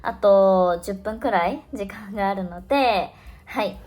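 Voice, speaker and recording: A woman's voice: medium pitch, a little mellow. Chatty young woman vlogging her day. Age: 20s. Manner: chatty, thinking aloud, drawn-out words. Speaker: online Japanese teacher. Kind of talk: casual vlog narration.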